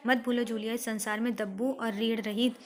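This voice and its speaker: A woman reading the part of a stern middle-aged householder who scolds and lectures his governess, in a steady, even reading voice. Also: fairly high pitch, fairly quick, a little hiss or hum, natural voice.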